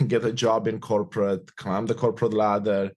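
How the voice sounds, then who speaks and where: In a relaxed interview conversation, a man in his forties from Romania, a native Romanian speaker, comes across as cheerful and reflective, frequently repeating himself. He speaks in a lowish voice with a level tone at a moderate pace.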